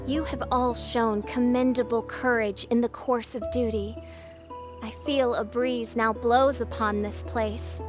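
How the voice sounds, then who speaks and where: A woman's voice: fairly high pitch, natural voice. A woman playing a theatrical teenage girl who poses as a grandiose gothic princess in an overacted anime game dub, speaking in pompous, archaic phrases. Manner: pompous, archaic, melodramatic delivery.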